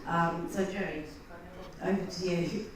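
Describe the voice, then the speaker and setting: A woman's voice: fairly low pitch, steady tone, measured pace, recorded from a distance, a crowd in the background. A woman moderating a conference panel, introducing a guest with frequent hesitations. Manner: hesitant, many ums. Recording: echoey hall mic with room noise.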